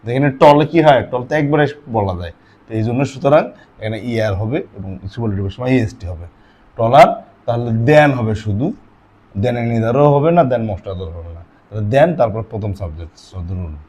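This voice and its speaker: A man's voice: on the low side, expressive, normal speed, darkish tone. Man teaching grammar, quizzing himself. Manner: asks questions and answers them himself. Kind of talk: classroom lesson with asides and a told anecdote.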